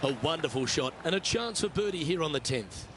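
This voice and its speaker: A man's voice: fairly high pitch, expressive, fairly quick, a bit bright, a little hiss or hum. A man playing a golf commentator, calling the play shot by shot in a tournament. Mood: measured commentary. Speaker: golf commentator, lead announcer.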